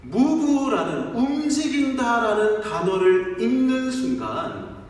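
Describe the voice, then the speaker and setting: A man's voice: very high-pitched, big pitch swings, takes it slowly, slight background noise. A middle-aged man preaching a sermon as pastor, leaning on rhetorical questions to the congregation and a rhythmic, listing cadence. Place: large church sanctuary. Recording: echoey church hall from far off.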